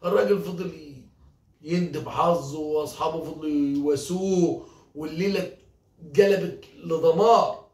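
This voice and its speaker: A man with an Egyptian accent casually retelling a folk tale in a lively, animated way. His voice is somewhat high for a man, and the sound is roomy, picked up from a distance. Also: normal speed. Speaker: storyteller.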